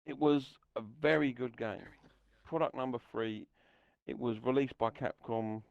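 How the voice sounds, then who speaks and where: A man's voice: mid-range voice, a little slow, gravelly, no echo, highs cut off. A man co-hosting a gaming stream, chatting with blunt, enthusiastic banter and mild swearing into a close headset mic. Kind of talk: casual chat on a gaming stream.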